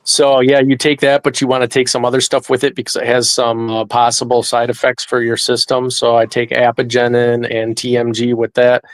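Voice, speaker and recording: A man in his forties chatting casually, steady and informative. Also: medium pitch, brisk, few pauses, dry recording. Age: 40s. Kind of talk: casual chat.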